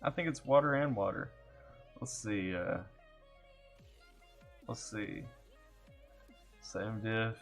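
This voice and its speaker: Lowish in voice, slow and pausing often, this Southern-accented Kentuckian streams music reactions from his home computer, laid-back and joking as he reads chat aloud and greets viewers by name. Soft music plays in the background.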